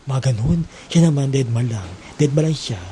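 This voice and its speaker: A man's voice: medium pitch, moderate pace, heavy background noise. A man telling a teasing, exaggerated gossip story in a casual, mocking way.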